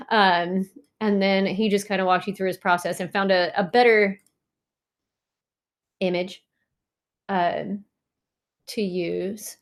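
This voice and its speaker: A woman talks her audience through a design project from her home, sharing her screen as she goes. Her delivery is loose and conversational, dotted with ums, likes and little asides, and her pitch sits at an ordinary middle for a woman. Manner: chatty, lots of ums and likes. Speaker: design tutorial presenter. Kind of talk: casual screen-share walkthrough.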